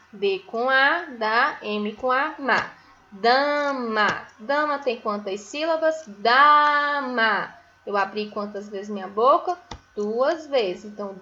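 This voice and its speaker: A woman's voice: fairly high pitch, fairly bright tone, highs cut off, slight background noise. A Brazilian woman teaching a phonics lesson to young children, stretching out syllables and checking in often with little tag questions. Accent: Brazilian Portuguese. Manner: drawn-out syllables, frequent "né?" and "certo?" checks.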